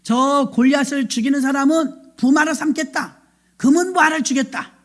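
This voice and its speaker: A woman pastor voicing a worried king who gently but firmly refuses a boy. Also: high voice, moderate pace, lightly acted. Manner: soothing refusal.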